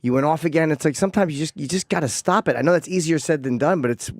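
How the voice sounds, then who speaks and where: A man's voice: a little high, quick pace, dry recording, studio quality. A man in his forties co-hosting a talk show, blunt and earnest in casual chat. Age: 40s. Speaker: co-host.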